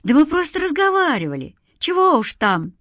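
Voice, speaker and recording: A woman's voice: sits high, very animated, moderate pace, fairly bright tone, no room sound, voice pushed up. A naive, good-natured young village man who talks earnestly, as a woman plays him. He sounds simple and a little pleading. The recording is dry and close.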